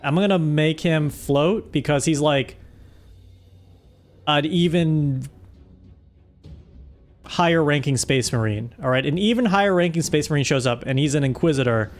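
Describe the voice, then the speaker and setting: A man's voice: a little high, a little slow, pauses often, soft background music. A man streaming live, recapping a story in a rambling, joking way. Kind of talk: casual live-stream chat.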